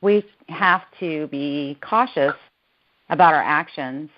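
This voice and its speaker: A woman in her thirties from Florida talks bluntly and outspokenly on a conference call. Her voice sits low, and the line sounds dull and muffled. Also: takes it slowly. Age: 30s. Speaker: caller. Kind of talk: casual conference call chat.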